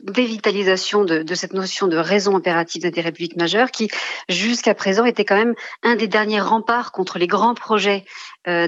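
A woman, an environmental lawyer, answering a radio interview in a halting way, full of fillers and restarts. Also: medium pitch, a bit bright, no echo, muffled recording. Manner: hesitant, many fillers and restarts, legal vocabulary.

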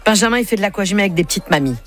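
A woman co-hosting a radio game show, chatty and teasing, with quick joking asides. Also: medium pitch, animated.

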